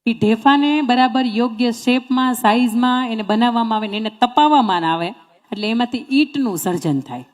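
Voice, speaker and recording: A woman's voice: on the high side, normal speed. A woman giving a motivational speech, telling homely stories and quizzing her audience with questions. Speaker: motivational speaker.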